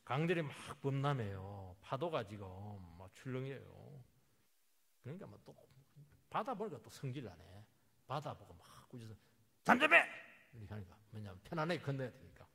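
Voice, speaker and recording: A man's voice: medium pitch, big pitch swings, fairly quick, vocal fry, slightly rough. A male pastor preaching a sermon, telling the story vividly and breaking into sudden emphatic outbursts. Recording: reverberant church hall.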